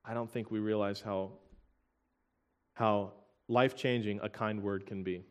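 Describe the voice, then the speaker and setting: A young man preaching a sermon, earnest and emotional, with halting restarts and soft laughs. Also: on the low side, steady tone, smooth.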